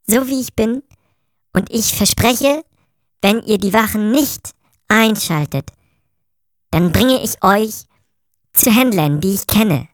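A woman voicing a hungry, defiant young female thief in an audio story, talking quickly. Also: medium pitch, no echo, studio quality.

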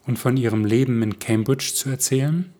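A man reading the part of a polite, cultivated elderly gentleman with formal manners. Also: medium pitch, brisk, lightly acted. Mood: courteous. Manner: courteous, formal.

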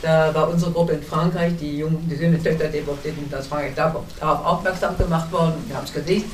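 A woman's voice: low-pitched, steady tone, fast, a little hiss or hum. A German woman in her seventies, a panel guest recounting memories in an earnest way, often restarting her sentences as she searches for words. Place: cinema hall. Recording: echoey hall, distant mic.

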